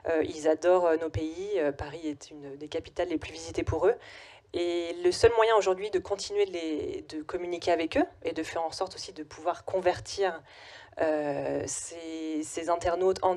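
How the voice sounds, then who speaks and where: A young adult woman with a lowish, darkish voice, a company CEO, speaks at a business conference and takes questions. She sounds hesitant, often restarting sentences and using many "euh" fillers.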